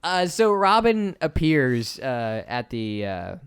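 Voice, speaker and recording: A man's voice: medium pitch, slow, clean tone. A man co-hosting a podcast, joking and swearing as he recaps an old film serial. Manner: animated, jokey, swears freely, laughs often. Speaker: podcast co-host. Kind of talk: casual comedic film recap chat.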